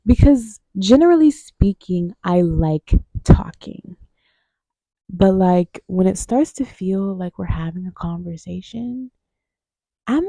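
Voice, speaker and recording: A young woman vlogger telling candid stories in a frank, profane way. She swings between loud outbursts and hushed, near-whispered asides. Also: mid-range voice, vocal fry, dry recording. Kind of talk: candid casual storytelling.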